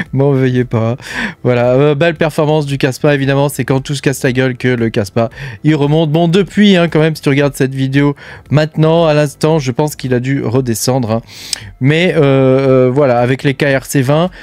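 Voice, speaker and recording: A man's voice: medium pitch, moderate pace, darkish tone, no room sound. Chatty man with a dry close mic. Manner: chatty, frequent filler tags and hesitations. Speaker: crypto mining channel host. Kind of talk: casual news roundup.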